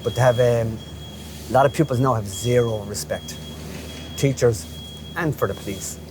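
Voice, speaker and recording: Casting: man in his fifties, west of Ireland accent from Galway, mid-pitched, casual storyteller, recorded amid clear traffic noise. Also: moderate pace. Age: 50s. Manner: chatty, colloquial, often checking in with "you know". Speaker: interviewee, local window cleaner. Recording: noisy street ambience with traffic.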